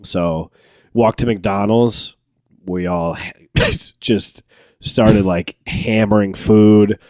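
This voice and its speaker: A young man with a fairly low voice tells a story on a podcast, lively and laughing, and often breaks into high squeaky impressions of what people said. He is recorded close and dry in a studio. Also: very slow, dry recording. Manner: animated, laughing, jumps into high-pitched quoted voices. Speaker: podcast co-host. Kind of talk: casual storytelling chat.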